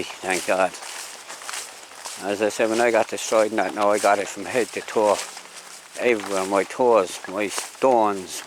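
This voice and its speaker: An Irish man talks in a fairly low voice, folksy and unhurried in his wording as he addresses viewers. It is casual vlog chat recorded outdoors at a riverside, with clearly audible background noise. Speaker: fishing vlogger. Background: clear outdoor ambience.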